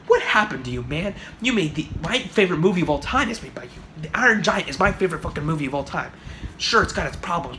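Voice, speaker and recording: A young man giving an exasperated, profane, sarcastic movie review rant on his vlog. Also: fairly high pitch. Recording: noisy home recording.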